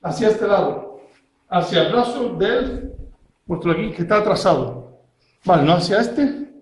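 A man's voice: high voice, expressive, measured pace. A man, a self-defense instructor demonstrating techniques step by step and checking in constantly with his learner. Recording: very echoey room.

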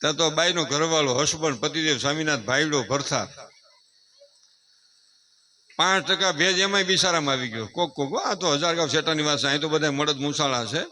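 A middle-aged man speaks to a live audience in a folksy moral talk. His voice sits high and rings bright. He slips playfully into the voices of fussing mothers and grandparents, then builds to emphatic declamation. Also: a little fast, slight background noise. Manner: playful, acts out voices of mothers and family members. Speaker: folk speaker addressing an audience.

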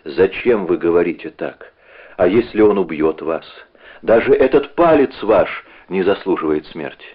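A man's voice: low voice, lively intonation, moderate pace, breathy edge. A man voicing a distraught young woman who pleads with urgent restraint. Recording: narrow phone-like audio.

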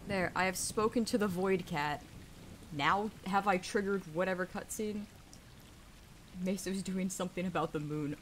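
A chatty woman narrates her gameplay in a bouncy voice that leaps up and down in pitch. She laughs easily and jokes at her own expense. Game music plays clearly behind her. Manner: chatty, giggly, self-mocking asides. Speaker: streamer. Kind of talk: casual gameplay commentary. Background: game soundtrack music.

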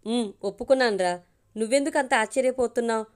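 A fretful young groom pleads with his closest friend in a storybook reading, as a woman reads his lines. The voice sits a little high and stays close to the reader's own. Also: fast, a little mellow, lightly acted. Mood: anxious.

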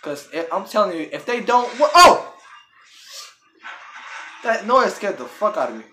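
A man giving live gameplay commentary, excitable, swearing a lot and yelling at the game. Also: high voice, measured pace, poor audio. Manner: loud, laughing outbursts. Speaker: gaming channel host. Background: faint game music and sounds.

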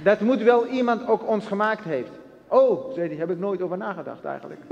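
A man from Iraq with a high, gravelly voice gives a personal testimony interview as a guest, speaking fairly quickly with lively intonation. He earnestly tells his story in broken Dutch, acting out the dialogue. The recording has background noise, cut-off highs and a long hall reverb.

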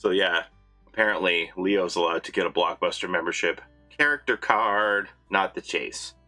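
A man who vlogs about collecting toys, chatting casually as he unboxes, swinging between excited highs and low muttered asides. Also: normal speed, soft background music. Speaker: toy collector vlogger.

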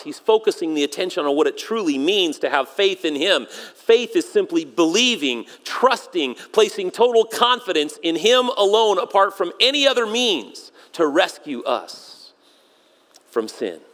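High-voiced preacher in a reverberant church. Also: male voice, big pitch swings, moderate pace. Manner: emphatic preaching, dropping low and soft for quiet moments. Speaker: pastor. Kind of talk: sermon. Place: church sanctuary.

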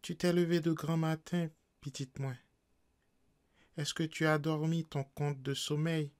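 A man reading the lines of an old peasant wife in an audiobook, slow and measured. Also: on the high side, level tone, smooth, pitched above the performer's own voice, lightly acted. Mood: tender, scolding. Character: old peasant wife, scolding yet caring.

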